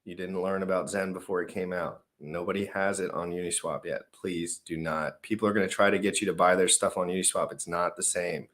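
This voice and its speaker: Emphatic man with a bright, low voice. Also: steady tone, brisk, few pauses. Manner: emphatic, repeats warnings firmly. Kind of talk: casual livestream talk.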